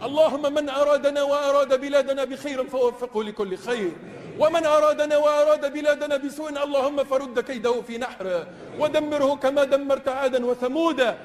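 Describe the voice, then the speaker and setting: Chanting a passionate Islamic supplication in classical Arabic, this imam from Tunisia leads his congregation with repeated phrases in a brisk, steady, very high-pitched voice. Long, echoing reverb fills the recording, as in a large hall.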